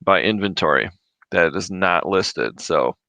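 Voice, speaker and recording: A man from Michigan hosts a casual livestream at home, reading out viewer comments and chatting through their questions. His voice sits low but has a bright, forceful edge. The desk mic gives a dry, close sound. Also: unhurried, vocal fry, no echo, rough recording. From Michigan, USA. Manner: chatty, reads viewer comments aloud, chews while talking. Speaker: livestream host answering reseller questions. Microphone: desk microphone. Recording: dry close mic, drops off when mic moved away.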